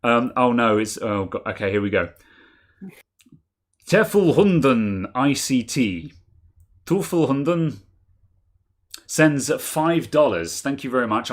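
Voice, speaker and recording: A man's voice: mid-range voice, fairly bright tone. A man co-hosting a casual tech chat, rambling, restarting sentences and laughing often. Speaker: podcast co-host.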